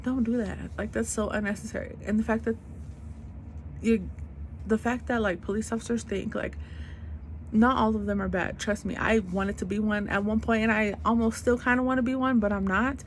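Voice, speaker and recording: A woman's voice: a little high, fairly even intonation, moderate pace, a little hiss or hum. Young woman in a blunt, emphatic rant. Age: 20s. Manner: emphatic, repetitive, blunt slangy talk. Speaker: vlogger. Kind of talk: unscripted rant to camera.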